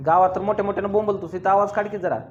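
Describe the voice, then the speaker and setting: High-voiced teacher drilling a class. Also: male voice, fairly even intonation, racing, highs cut off, slight background noise. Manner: asks the class constant questions, teasing and drilling. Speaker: accounts teacher. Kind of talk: classroom lecture.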